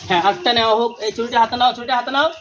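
A man filming a vlog outdoors among family, giving brisk directions and repeating religious phrases. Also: very high-pitched, fairly even intonation, a bit bright, a little hiss or hum. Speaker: vlogger. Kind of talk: casual vlog, instructing helpers.

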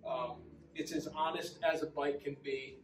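A man in his forties giving a casual, relaxed walkaround tour of a custom motorcycle, filling pauses with ums and uhs as he talks. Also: a little high. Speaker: custom motorcycle builder, shop owner. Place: large indoor motorcycle showroom with metal walls. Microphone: camera several feet away. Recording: roomy echo, distant mic, faint room hum.

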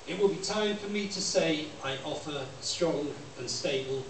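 An older English poet with a high-pitched voice recites at normal speed, in a repetitive deadpan manner, at a live reading in a small library room with an audience. The recording, made by a distant camera rather than his stand microphone, is echoey and noisy.

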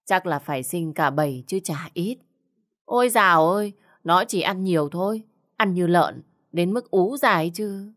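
A woman's voice: on the low side, moderate pace, fairly bright tone, close to an everyday voice. A woman voicing a sly, evasive middle-aged man who is head of the household in a storybook. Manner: wheedling, evasive.

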